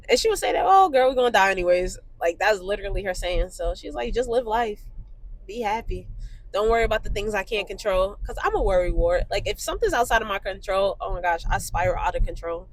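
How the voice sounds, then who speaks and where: A young woman from Brooklyn, co-hosting a casual chat and telling family stories with lots of laughter and acted-out quotes. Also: medium pitch. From Brooklyn, New York. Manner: animated, laughing storyteller acting out quotes. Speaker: podcast co-host.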